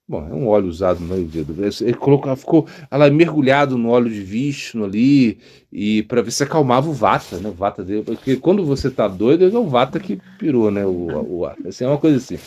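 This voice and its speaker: Lively Brazilian monk telling a story. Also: male voice, lowish voice, brisk, breathy edge. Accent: Brazilian Portuguese. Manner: animated, acts out voices in the story, many fillers. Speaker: monk and spiritual teacher. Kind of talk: storytelling religious talk.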